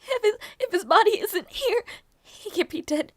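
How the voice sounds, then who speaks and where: Woman acting high-voiced grieving princess Aera Haima. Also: expressive, no room sound, studio quality. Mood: sobbing, frantic denial. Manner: halting, repeating words, emotionally intense. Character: grieving young princess, desperate, stubborn, loyal. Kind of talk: dramatic audio roleplay acting.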